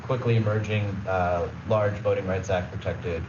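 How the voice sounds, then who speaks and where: A man's voice: low-pitched, steady tone, normal speed. Man, redistricting presenter, casual explainer with fillers, distant roomy meeting recording, dull and noisy. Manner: conversational, many fillers, explains with everyday examples. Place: public meeting room.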